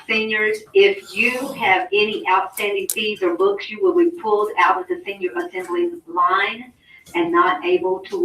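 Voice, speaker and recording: A woman on the school staff making a brisk, businesslike announcement over the school intercom loudspeaker. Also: mid-range voice. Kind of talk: public service announcement. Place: classroom, heard over the intercom. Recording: echoey distant loudspeaker with faint noise.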